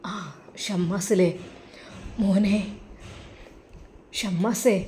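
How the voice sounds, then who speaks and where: A woman voicing a remorseful, tearful old man, pleading in a hushed voice as a storyteller. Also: medium pitch, normal speed, lightly acted. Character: remorseful old man, weeping, face burned.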